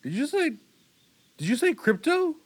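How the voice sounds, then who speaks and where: A man's voice: extremely high pitch, big pitch swings, normal speed. A man playing a grumpy, skeptical young man with a dry, exasperated manner. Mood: incredulous.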